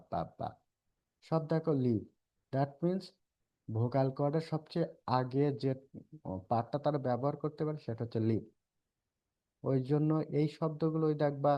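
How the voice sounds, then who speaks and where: A man from Bangladesh with a Bangladeshi Bengali accent, giving a recorded lecture as an English teacher. He explains in Bengali mixed with English terms and slows down for the English quotations. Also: mid-range voice, warm tone.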